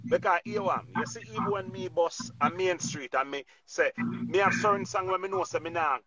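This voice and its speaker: A man's voice: sits high, fairly quick, highs cut off, crowd noise. A man with a Jamaican accent on a livestream, talking emphatically and cutting in with advice. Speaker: dancehall artist on a live stream. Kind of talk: casual chat on a livestream.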